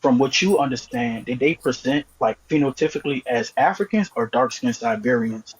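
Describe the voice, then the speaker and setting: A man asks questions in a casual, conversational way. His voice is husky and sits at a middle pitch. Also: lively intonation, normal speed, rough recording. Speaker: guest questioner. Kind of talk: casual chat.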